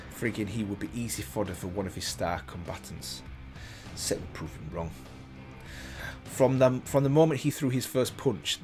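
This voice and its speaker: In a reaction video, a fairly low-voiced male host reads a story in a relaxed manner. He trips over words, fixes his slips, and adds his own remarks throughout.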